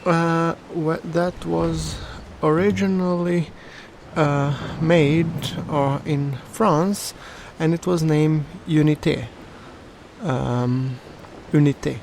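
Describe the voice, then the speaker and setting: Male gameplay host, casual and hesitant, slightly high-pitched, over clear background noise. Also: fairly even intonation, darkish tone. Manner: halting, hesitant delivery. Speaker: video game commentator, channel host.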